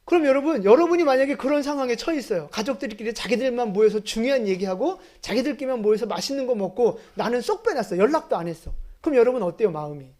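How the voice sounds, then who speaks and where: A woman pastor preaches to her congregation. Her pitch rises and falls in a lively way, and she often puts questions to the listeners. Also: fast, few pauses. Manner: lively, talks to the congregation with questions and acted quotes. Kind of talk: sermon. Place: church sanctuary.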